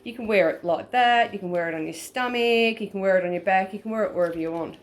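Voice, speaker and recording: A woman talks straight to her phone camera in a relaxed explainer video. She walks through each point patiently, in a mid-pitched voice, pausing to check in with the viewer. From Australia. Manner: chatty, explains step by step, often checks in with "okay?". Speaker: paranormal investigator. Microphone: phone, front camera.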